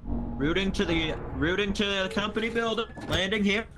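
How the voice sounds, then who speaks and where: Male gamer, higher voice, excitable callouts, casual swearing, noisy mic. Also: normal speed. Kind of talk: casual co-op game chat.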